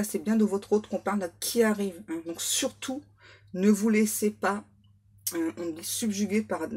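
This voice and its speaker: A woman giving a spoken card reading as a medium, repeating herself with many fillers and clearing her throat often. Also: on the low side, a little mellow. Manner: repetitive, filler-heavy, insistent. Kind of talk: spoken tarot guidance to viewers.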